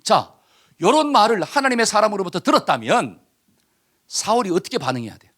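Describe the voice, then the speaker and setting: Animated high-voiced male pastor. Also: a little fast. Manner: leads congregation in call-and-response reading; animated, emphatic preaching with rhetorical questions. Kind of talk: sermon.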